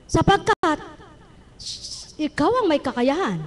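Woman preacher from the Philippines, high voice, rousing sermon, keeps calling questions out to the congregation. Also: animated, slow pace, big-room sound.

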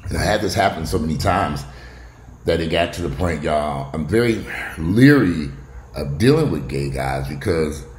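In a rumbling, darkish low voice at normal speed, a middle-aged vlogger animatedly sounds off on the news, casual and opinionated, straying into asides and dropping some swear words. Faint music plays behind him. He's at home in a bright sunroom, and the recording is roomy and echoey with faint noise.

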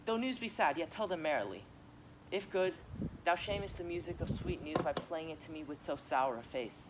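A man's voice: a little high, expressive, normal speed, very noisy, lightly acted. A teenage boy playing an eager, impatient young girl in love in a school Shakespeare reading, pleading and restless. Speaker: student actor.

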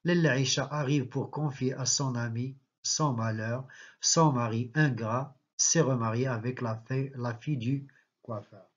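A man, a literature teacher reading a novel aloud and pausing to explain figures of speech. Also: medium pitch, steady tone. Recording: slightly muffled lo-fi recording.

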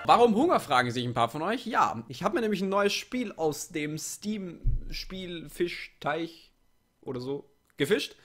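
A young man with a cold doing excitable let's play commentary on a game, with jumpy exclamations and self-mocking remarks. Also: on the high side, unhurried, soft background music. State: sick with a cold, coughing. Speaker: gaming YouTuber.

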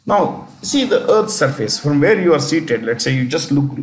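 A man's voice: fairly high pitch, sing-song, moderate pace, a little hiss or hum. A man with an Indian English accent teaching a current affairs lesson in a chatty way, often correcting himself and spelling words out.

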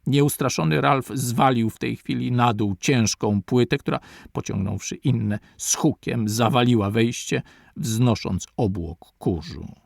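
A man narrating a classic adventure novel aloud in a measured literary reading. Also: medium pitch, creaky, no room sound, clean studio sound. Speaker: audiobook narrator.

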